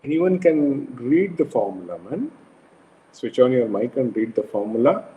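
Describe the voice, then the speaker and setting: An engineering lecturer, a man with a South Indian Kannada accent, gives an informal live lecture step by step on a video call with his screen shared, repeating himself and regularly quizzing his students. He speaks at normal speed in a sing-song, mid-range voice. The dull, lo-fi call audio has a little hiss or hum.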